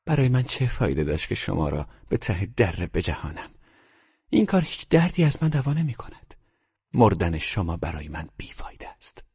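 A disdainful young woman with a cutting, dry tone, read out by a man with a husky voice. The lines come across cool and contemptuous. It sounds like a dull, lo-fi audiobook recording. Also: medium pitch, darkish tone. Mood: cold. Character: cold scornful young woman. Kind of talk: audiobook reading.

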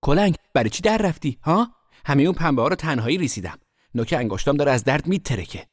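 A man voicing an angry, bossy little sister who scolds in a raised, shrill voice. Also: steady tone, breathy edge, no room sound, clean studio sound.

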